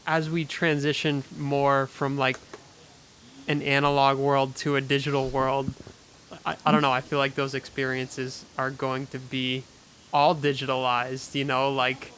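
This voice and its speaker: A man's voice: mid-range voice, monotone, unhurried, fairly bright tone, low-quality recording. A man hosting a podcast interview in casual chat, laid-back and full of "like". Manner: laid-back, heavy use of "like". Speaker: podcast host. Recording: faint hiss.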